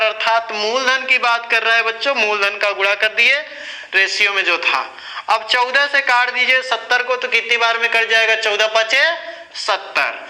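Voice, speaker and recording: A man's voice: very high voice, sharp tone, reverberant, low-quality recording. A man teaching a maths lesson, patient and asking and answering his own questions as he talks students through sums. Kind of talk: classroom lesson explaining sums.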